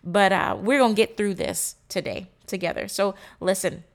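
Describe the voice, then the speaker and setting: A woman's voice: medium pitch, very animated, normal speed, gravelly. A woman hosts a motivational podcast. She talks emphatically, repeats words for stress and calls her listeners queen. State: stuffy nose. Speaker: podcast host. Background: painters working nearby.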